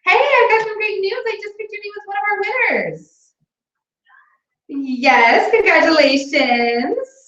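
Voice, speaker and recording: A woman acting out an upbeat sales phone call, using a much higher, bubbly, eager voice. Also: a bit bright, far from the mic, heavily acted. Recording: echoey room, slightly dull sound.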